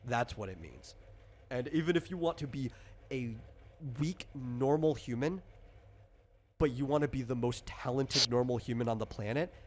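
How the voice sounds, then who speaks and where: A man serving as game master casually explains the rules of a tabletop game. His medium-pitched voice rambles and halts, often looping back to rephrase what he just said.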